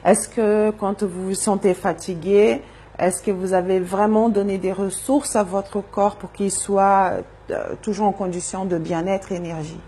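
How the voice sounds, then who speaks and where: A woman's voice: medium pitch, steady tone, a little slow, warm tone, breathy edge. A woman from Brazil, a native Portuguese speaker, interviewed on radio as a Zumba and wellness coach, talking thoughtfully and repeating words as she searches for them.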